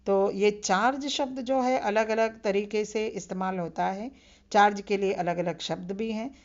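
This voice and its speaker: A woman's voice: mid-range voice, fairly even intonation, a little slow, darkish tone. Patient woman lecturer, dull lo-fi audio. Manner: patient, repeats key terms with reminders to remember. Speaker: Hindi lecturer. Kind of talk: recorded online lecture.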